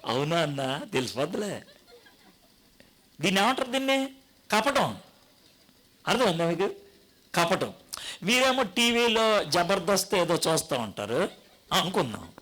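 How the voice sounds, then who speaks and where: A man's voice: sits high, a little slow, long pauses. A man preaching a sermon, telling stories and acting out the people in them. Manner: animated storytelling, acts out quoted voices. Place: church gathering.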